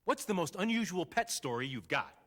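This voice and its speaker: A man's voice: sits high, big pitch swings, a little fast, a bit bright, no room sound, clean studio sound. A man hosting and narrating a TV show in a scripted, playful, wry way. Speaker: host.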